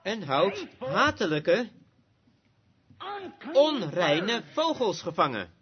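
A man preaches a fiery sermon in a high voice that swoops widely up and down. He speaks with passion and breaks into shouts. The recording is dull and lo-fi, with a crowd behind him. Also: sing-song, extremely slow. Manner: impassioned, rising to shouts.

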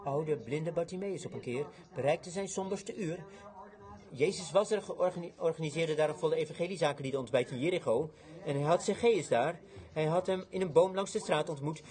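A male preacher delivering a sermon in dramatic storytelling fashion, swinging between loud outbursts and hushed passages. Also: a little high, a little fast.

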